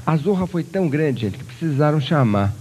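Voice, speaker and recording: Give me an animated motivational speaker telling stories on stage, slightly high-pitched. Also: male voice, fairly quick, slightly rough, low-quality recording. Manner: animated storyteller who acts out voices. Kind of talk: motivational lecture with storytelling. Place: lecture hall before an audience.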